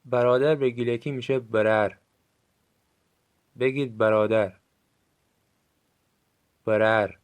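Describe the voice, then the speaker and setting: A man with a Gilaki accent giving a recorded language lesson, saying short phrases slowly and clearly for listeners to repeat. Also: mid-range voice, steady tone. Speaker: language teacher.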